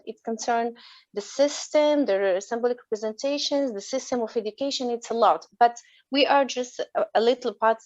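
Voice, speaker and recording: A woman's voice: fairly high pitch, no echo, lo-fi sound. A woman from Morocco with a French accent, speaking as a guest on a webinar in a passionate, earnest way and often restarting her words. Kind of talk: earnest panel talk.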